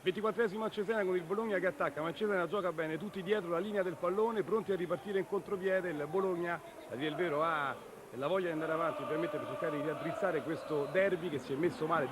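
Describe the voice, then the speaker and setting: A man's voice: on the high side, fast talker. A man delivering running live football commentary, following the play as it unfolds. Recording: clear outdoor stadium noise.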